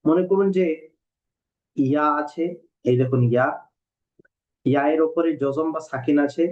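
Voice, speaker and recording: A man teaching Quran reading in a recorded lesson, patiently repeating rules and spelling letters out slowly. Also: fairly high pitch, darkish tone. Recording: dull lo-fi recording.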